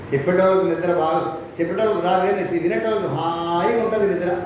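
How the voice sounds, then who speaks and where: A man's voice: sits high, steady tone, fast talker, a little mellow, highs cut off, slight background noise. A man preaching a sermon, emphatic and repetitive, firing off rhetorical questions. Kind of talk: Telugu church sermon on Job. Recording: echoey church hall from far off.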